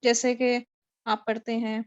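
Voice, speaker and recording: Her pitch is fairly high and her delivery flat as she leads an online tajweed lesson from home, explaining Quran recitation with patience and confirming her students follow along. The lo-fi audio has no room sound and comes through a video call mic.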